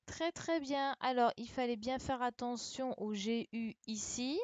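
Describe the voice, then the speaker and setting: A woman's voice: a little high, unhurried, darkish tone, dry recording. A woman teaching an online class, patiently spelling out letters and checking that her pupils follow. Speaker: primary school teacher. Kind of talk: online class, correcting a dictation. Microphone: computer mic on a video call. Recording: dull, lo-fi sound.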